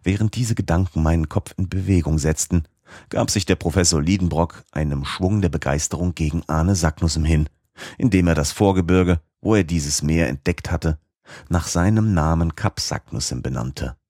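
A man narrating a classic novel in the first person, in a measured, literary reading. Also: deep voice, darkish tone, no room sound, studio quality. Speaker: audiobook narrator.

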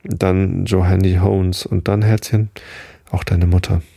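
A man voicing a gentle, weary, parched wanderer near death in a read-aloud story. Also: low-pitched, flat delivery, unhurried, vocal fry, no echo, clean studio sound, heavily acted. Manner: gentle, tired, soothing.

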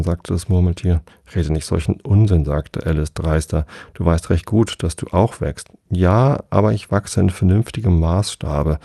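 A man reading a children's classic aloud in plain, even storytelling, recorded close and dry. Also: low-pitched, creaky, husky, no echo. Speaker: audiobook reader.

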